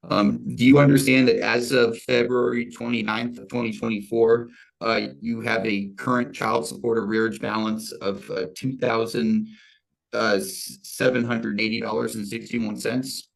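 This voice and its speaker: An American man questioning formally as a state's attorney, halting and hesitant, often repeating his words. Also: medium pitch, flat delivery, gravelly, low-quality recording. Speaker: state's attorney in child support case. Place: court hearing over video call.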